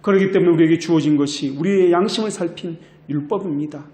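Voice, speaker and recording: Earnest Korean pastor in an echoey church. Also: male voice, fairly high pitch, fast talker, mellow. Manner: earnest exhortation, quotes people in a mocking voice. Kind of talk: sermon.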